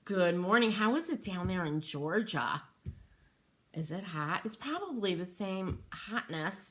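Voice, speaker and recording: A woman's voice: medium pitch, bright, forceful tone. A middle-aged woman hosting a craft livestream from her home workroom, chatting with viewers by name while she works. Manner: chatty, greets viewers by name, thinks aloud. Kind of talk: casual livestream chat while stenciling. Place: home workroom by an open window.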